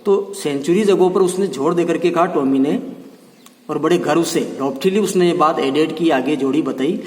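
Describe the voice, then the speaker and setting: A male teacher explaining an English textbook lesson in Hindi. He reads the English lines slowly, then explains them and repeats the meanings with frequent check-ins. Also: a little high, darkish tone. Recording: echoey room, voice from far off.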